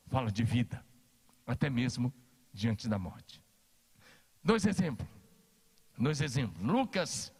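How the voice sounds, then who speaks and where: A man's voice: high voice, in a large hall. A Brazilian man preaching a sermon as pastor, emphatic and repeating his key phrases. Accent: Brazilian Portuguese. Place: church hall.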